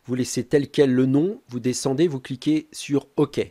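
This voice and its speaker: A man presenting a step-by-step tech tutorial, talking calmly with frequent hesitant filler pauses. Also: medium pitch.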